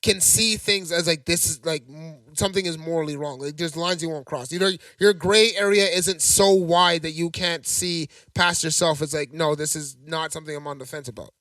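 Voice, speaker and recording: A man's voice: on the high side, steady tone, moderate pace, few pauses, bright, forceful tone, dry recording, distant mic. A young man co-hosting a podcast, firing off blunt, profane retorts in casual chat. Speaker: podcast co-host.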